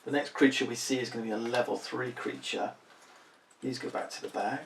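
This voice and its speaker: Gravelly man explaining game rules. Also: medium pitch, fairly even intonation, brisk, a little hiss or hum. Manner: talks through rules aloud, thinking as he goes. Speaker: board game reviewer. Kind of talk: casual board game playthrough.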